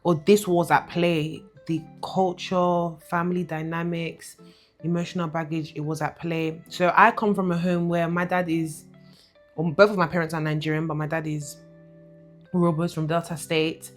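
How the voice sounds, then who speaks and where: Casting: young woman from London, lowish voice, direct and explanatory, soft guitar under. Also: flat delivery, moderate pace. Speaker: co-host, wife. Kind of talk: casual couple chat. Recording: soft guitar music behind.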